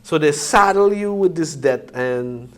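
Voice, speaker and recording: A man reasoning conversationally in Rasta discussion style, pausing for words and often checking that he is followed. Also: a little high, lively intonation, a little hiss or hum. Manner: hesitant phrasing, often checks with "you see".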